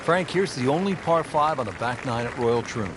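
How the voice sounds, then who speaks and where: A man's voice: mid-range voice, animated, moderate pace. A man giving golf commentary as lead announcer, calling shots and putting questions to his co-commentator. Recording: noisy outdoor course, crowd and vehicle sounds. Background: crowd and loud outdoor ambience.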